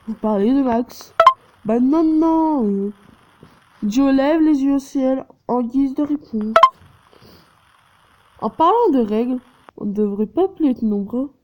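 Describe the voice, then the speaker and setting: A woman with a fairly high voice reads a dating game's dialogue aloud at a slow, unhurried pace. She stumbles, restarts and drops in her own asides between lines. The recording is noisy, with clicks in the background. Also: expressive, lo-fi sound. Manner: slow, halting reading with self-corrections. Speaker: player reading a dating game aloud. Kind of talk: reading visual novel dialogue aloud with asides.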